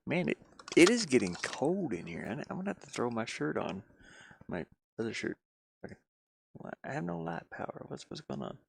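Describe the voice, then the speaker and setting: Inside the van he lives in, a livestreaming gamer and hobby game developer chats unscripted, rambling and muttering to himself in folksy, colloquial speech. His mid-range voice is creaky and husky, very animated at a normal speed, and the audio carries no echo.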